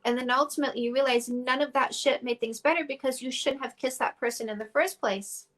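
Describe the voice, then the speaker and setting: A woman from Canada coaching viewers on dating during a phone livestream, talking bluntly and frankly and swearing casually. Her voice sits high. She reads out questions and answers them straight away. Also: brisk, a bit bright.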